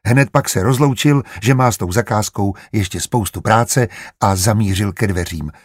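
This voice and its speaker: Husky male audiobook narrator. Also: lowish voice, dry recording, studio quality.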